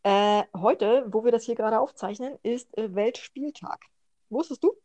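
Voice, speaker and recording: A woman's voice: a little high, moderate pace, warm tone, dry recording. A woman from the northern German coast co-hosting a podcast, chatty and full of hesitant fillers. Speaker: podcast co-host. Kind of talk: casual podcast discussion.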